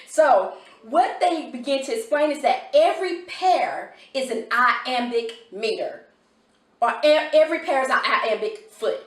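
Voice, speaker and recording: A woman reviewing a homeschool curriculum in a casual vlog, talking with excited enthusiasm. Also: high voice, measured pace, echoey room, far from the mic.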